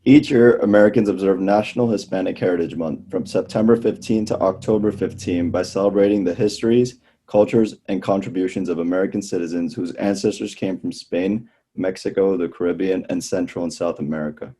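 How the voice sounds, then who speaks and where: Deep, mellow student announcer reading. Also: male voice, fairly even intonation, brisk, hardly any pauses, slightly rough. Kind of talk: read announcement.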